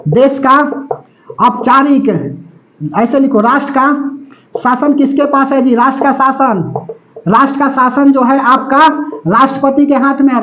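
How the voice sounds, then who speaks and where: A male teacher giving a classroom lecture. He repeats himself emphatically, spells words out letter by letter, slows right down to dictate notes and keeps asking whether the class has understood. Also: very high voice, a bit bright. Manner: slow and drawn out when dictating; mixes motivational asides with folksy sayings. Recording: dull lo-fi classroom recording.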